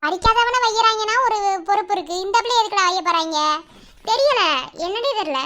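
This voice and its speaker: A woman voicing a bossy, teasing young college woman in a cartoon, loud and scolding. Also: a little fast, heavy background noise. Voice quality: very high, bright voice. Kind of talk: animated cartoon voice acting.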